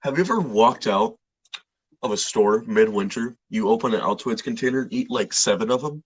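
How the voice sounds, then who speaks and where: Young dude on a podcast, kinda husky, gets all worked up fast. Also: male voice, on the low side, low-quality recording. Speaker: podcast co-host. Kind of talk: casual chat.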